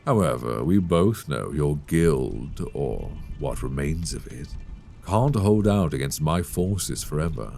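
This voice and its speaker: Sadistic gentleman vampire for roleplay audio: bottomless creaky bass, slow, savoring delivery, silky and menacing, close binaural mic. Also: heavily acted. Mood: smug, courtly. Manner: courtly, teasing, menacing, savoring his words. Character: suave, sadistic male vampire lord courting his captive enemy. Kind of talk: intimate roleplay audio acting. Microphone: close binaural microphone. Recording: close binaural mic, clear background noise.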